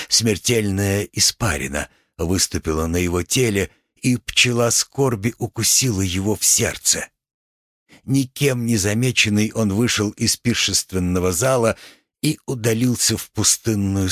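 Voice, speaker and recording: A man narrating a literary audiobook slowly and expressively, recorded in a studio. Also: lowish voice, no room sound. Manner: slow, expressive. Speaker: audiobook reader.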